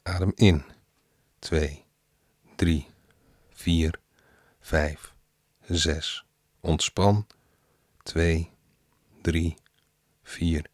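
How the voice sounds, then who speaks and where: A man guiding a breathing exercise in a calm manner, counting slowly and trailing off softly. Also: rumbling low, dry recording, clean studio sound.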